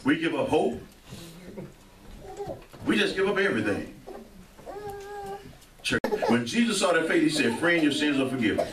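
A man's voice: fairly high pitch, animated, normal speed, long pauses, noisy background. A man with a St. preaching a sermon, joking with the congregation and calling out amens. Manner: joking, call-and-response with many amens. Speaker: pastor. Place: church sanctuary. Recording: echoey church hall, mic far off, congregation audible.

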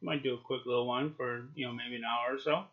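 A man's voice: medium pitch, steady tone, a little fast. Guy in his 40s chatting through a review w a lip full of dip, kinda muffled lo-fi webcam audio. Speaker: YouTube product reviewer. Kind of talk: casual chatty review to camera. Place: small home office, indoors. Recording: dull, lo-fi webcam sound.

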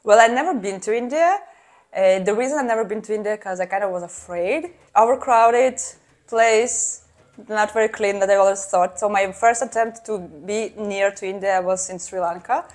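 A woman's voice: medium pitch, normal speed, darkish tone. A woman, telling a self-deprecating anecdote on a living room sofa. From Russia. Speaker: interviewee. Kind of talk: casual anecdote.

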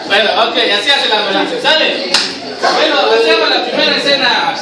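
A man's voice: extremely high pitch, brisk, over a noisy crowd. A man directing an improvised comedy sketch, rambling with many fillers and bossing the actors around playfully. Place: church hall. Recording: echoey hall, far from the mic, noisy.

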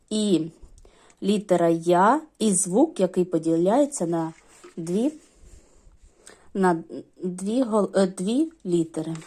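A woman's voice: lowish voice, mellow. A middle-aged woman teaching a lesson to young children, explaining patiently step by step. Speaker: primary school teacher.

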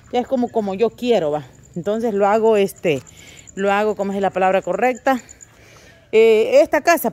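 An older woman vlogger talks to the camera from her rural yard and garden outdoors, her voice fairly high in pitch with a darkish tone. She chats in a homely, rambling way, calls her viewers fond pet names, and searches aloud for words.

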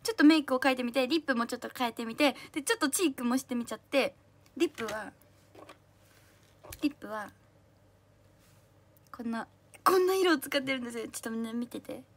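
A young woman with a slightly husky, strained throat, hosting a livestream in a bubbly, cutesy way, reading out and thanking commenters. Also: high voice, lively intonation, fast talker, long pauses. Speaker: idol livestream host.

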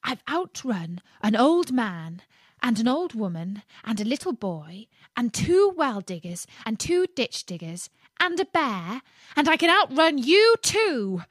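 A woman's voice: fairly high pitch, very animated, a little slow, no echo, clean studio sound, voice pushed up. A woman doing a bragging gingerbread man. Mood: boastful. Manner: bragging, shouted singsong. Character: boastful little gingerbread man runaway.

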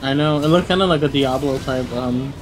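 A man with a New York accent chatting casually during gameplay, laid-back with quick game callouts. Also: mid-range voice. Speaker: co-host gamer. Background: game music.

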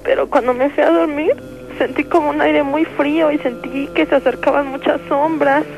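A woman's voice: high-pitched, steady tone, normal speed, a little mellow, a little hiss or hum. A young woman with a Mexican accent calling a radio show, pleading and frightened, over a muffled phone line. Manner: pleading, frightened, breaking into cries. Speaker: radio caller.

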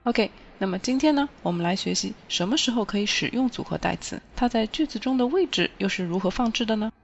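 Woman, language teacher, clear step-by-step explaining, mid pitch, dull lo-fi recording. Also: expressive, fast talker, slight background noise.

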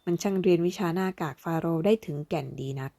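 Dark-voiced woman reading a fantasy novel. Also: on the low side. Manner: voices characters with slow, deliberate delivery. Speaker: audiobook narrator.

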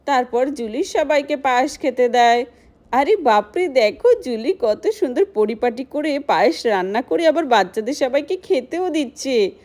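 High-voiced woman voicing dolls. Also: animated, normal speed, a little mellow. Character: Julie, a young woman, a sister-in-law who likes to bicker. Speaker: doll-play storyteller. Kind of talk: doll-play storytelling with character voices.

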